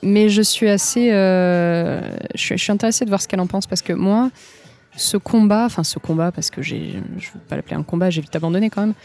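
Woman, from France, interview guest, hesitant long explanations, warm dark tone. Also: medium pitch, a little fast. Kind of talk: conversational interview.

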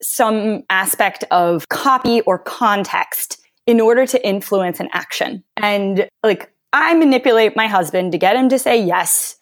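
A woman copywriter telling stories in a podcast interview, lively and quick to act out what others said. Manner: animated storyteller, mimics others in high voice. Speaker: guest copywriter.

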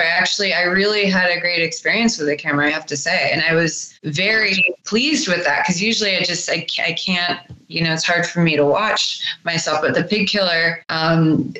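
A woman, an actress guest on a podcast, talking haltingly with many restarts. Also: lowish voice, pushed and bright, reverberant, poor audio. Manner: hesitant, full of restarts. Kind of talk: casual interview chat.

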